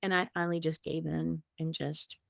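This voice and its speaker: A woman's voice: low voice, level tone, moderate pace, gravelly, dry recording, studio quality. Candid woman telling her grief story. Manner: candid, emotional, many restarts and fillers. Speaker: podcast guest sharing her grief story. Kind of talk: casual conversational storytelling.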